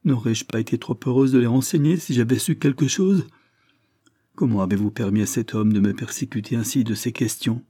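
Un homme incarne une jeune noble effrayée qui supplie et pleure, dans la lecture d'un roman. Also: male voice, medium pitch, brisk, dark tone, no room sound, clean studio sound, lightly acted. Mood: distraught, pleading. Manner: tearful, trembling pleading. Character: frightened young noblewoman, tearful and pleading. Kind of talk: audiobook character reading.

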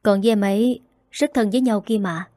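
Woman reading a gentle, weak young man. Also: mid-range voice, fairly quick, dry recording, close to an everyday voice. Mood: friendly.

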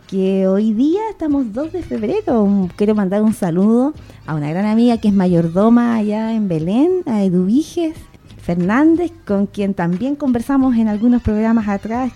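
In a radio studio, a woman hosts a show and introduces guests in casual chat, thinking aloud with fillers and tag questions. Her voice is medium-pitched, expressive and dark in tone, at a normal speed.

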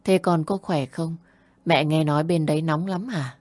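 A woman's voice: sits low, steady tone, normal speed, darkish tone, no echo. A woman voicing an old mother who speaks to her long-absent son in a choked, tearful voice.

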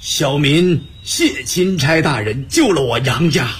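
A man's voice: a little high, expressive, unhurried, breathy edge, heavily acted. A man voicing a humble older village squire. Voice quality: earnest and deferential. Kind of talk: Chinese storytelling radio performance.

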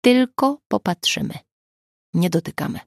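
A woman's voice: deep voice, big pitch swings, normal speed, creaky, no room sound, clean studio sound, exaggerated voice. A woman reading the lines of a stern, condescending male police officer in an audiobook. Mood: curt. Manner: curt, condescending.

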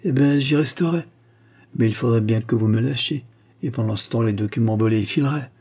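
A man's voice: mid-range voice, a little fast, warm tone, lightly acted. A man voicing a boastful, cheeky Gascon private detective who talks with cocky self-assurance.

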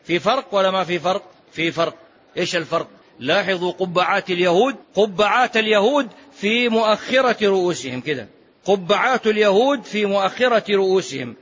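A man's voice: high voice, fairly quick, fairly bright tone, slight background noise. A man giving a didactic religious lesson in formal Standard Arabic with colloquial asides, repeating phrases and posing questions to his listeners. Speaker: preacher teaching before congregational prayer. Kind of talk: religious lesson, explaining scripture. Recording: muffled, dull lo-fi lecture recording.

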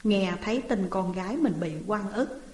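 A woman narrating a traditional court tale in a steady, earnest way. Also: mid-range voice, normal speed. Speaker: storyteller. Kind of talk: narrated folk tale reading. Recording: roomy hall reverb.

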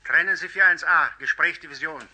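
An actor playing a curt army signaller who dictates a message in clipped military style, heard over an old candlestick telephone line. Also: male voice, a little high, a little fast, bright, forceful tone. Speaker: regimental telephone caller.

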